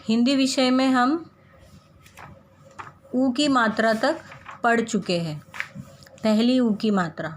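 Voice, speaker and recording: A woman teaching young children a Hindi lesson, saying example words slowly and deliberately so they can repeat after her. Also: fairly high pitch, slight background noise. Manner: slow, carefully drawn-out pronunciation of example words. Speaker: primary school Hindi teacher.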